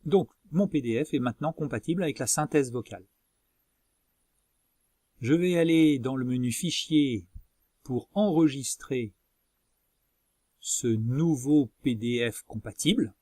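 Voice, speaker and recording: A man presenting a software tutorial as a screencast voice-over, explaining methodically step by step. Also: mid-range voice, a little slow, pauses often, no echo, clean studio sound. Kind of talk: instructional screencast narration.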